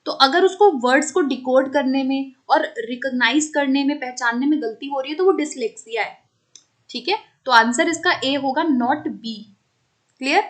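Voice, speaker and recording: High-voiced woman teaching an exam class. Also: normal speed. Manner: explains step by step, checks on students with repeated questions; mixes English terms into her talk. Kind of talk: online exam-prep class.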